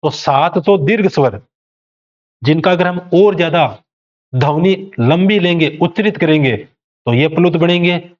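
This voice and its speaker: A man's voice: fairly high pitch, lively intonation, unhurried, lo-fi sound. A male teacher giving an exam coaching lecture, explaining step by step and posing rhetorical questions to students.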